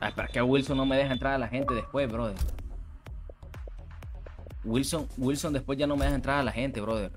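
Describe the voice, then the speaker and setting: A man's voice: medium pitch, fairly even intonation, a little fast, long pauses, soft background music. A young man, chatting casually with viewers while streaming a fighting game, slangy and repetitive. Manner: slangy, repeats himself, greets viewers. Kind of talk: casual live-stream chat while gaming.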